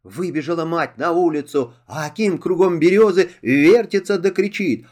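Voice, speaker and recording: A man narrating a children's fairy tale in an animated storytelling manner. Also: fairly high pitch, moderate pace.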